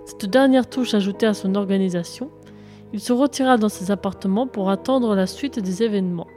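A woman narrating a children's story in a lively, expressive read-aloud manner. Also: medium pitch, fairly quick, faint music behind.

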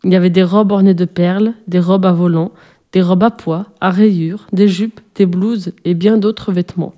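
Mellow-voiced woman reading a story. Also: fairly low pitch, normal speed, lo-fi sound. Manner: gentle, expressive storytelling. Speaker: narrator.

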